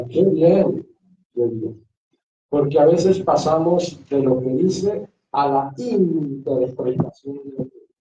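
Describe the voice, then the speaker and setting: A man's voice: medium pitch, dark tone. A man, a pastor, teaching a Bible workshop to a class and repeating rhetorical questions to his students. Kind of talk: classroom lecture. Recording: echoey room, distant dull lo-fi mic.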